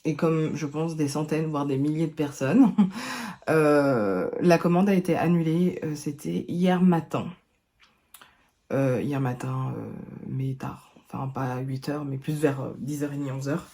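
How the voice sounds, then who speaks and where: A woman beauty vlogger, hoarse from a sore throat, chatting casually to camera at home with lots of hesitations. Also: low voice, a little slow, warm tone. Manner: chatty, rambling, many hesitations. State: hoarse from laryngitis. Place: at home indoors.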